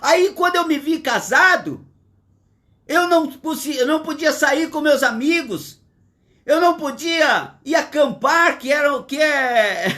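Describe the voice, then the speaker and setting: Brazilian pastor, man in his sixties, notably high voice, emphatic and repetitive live sermon from home. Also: expressive, unhurried, pushed and bright. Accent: Brazilian Portuguese. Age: 60s. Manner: earnest, repetitive, emphatic preaching. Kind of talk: livestreamed sermon.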